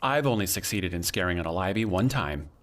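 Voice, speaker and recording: A man's voice: low voice, expressive, fairly quick. An actor playing a campy, motherly ghost mentor who calls others honey and sweetheart, in an audio drama. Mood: warm, coaching.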